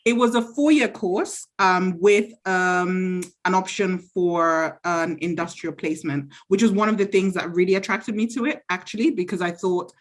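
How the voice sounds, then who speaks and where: Low-voiced woman from Zambia, chatty. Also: moderate pace, few pauses. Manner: chatty, self-assured, reflective. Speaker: interviewee, university graduate. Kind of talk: casual interview answers.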